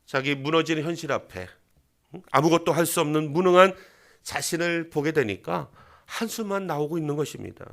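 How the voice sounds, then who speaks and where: A man's voice: on the high side, a little fast, creaky, a bit bright. A man preaching a Sunday sermon as pastor, earnest, often asking the congregation questions and acting out mocking voices. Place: church sanctuary.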